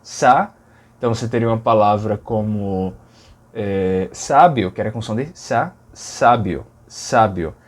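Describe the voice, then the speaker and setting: A man's voice: fairly low pitch, fairly even intonation, a little slow, a little mellow. Brazilian man explaining speech sounds. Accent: Brazilian Portuguese. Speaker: linguistics educator. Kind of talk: casual educational explanation.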